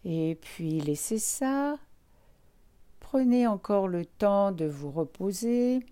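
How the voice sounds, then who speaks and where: A woman with a mellow, relaxed voice leads a guided relaxation lesson. She speaks slowly at a medium pitch, leaving frequent pauses between gentle, calm instructions. Her delivery is unhurried and addressed straight to the listener. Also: smooth.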